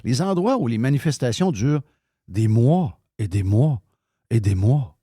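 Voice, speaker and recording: A man's voice: medium pitch, lively intonation, a little slow, dark tone, breathy edge, no echo, studio quality. A man with a Québécois accent, hosting live radio talk in a heated, ranting way, swearing freely. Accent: Québécois French. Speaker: radio show host.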